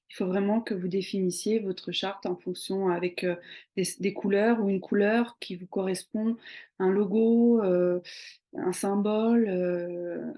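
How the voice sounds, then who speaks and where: Young woman, casual video tutorial, mellow tone, frequent hesitant fillers, conversational. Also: medium pitch. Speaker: social media marketing coach.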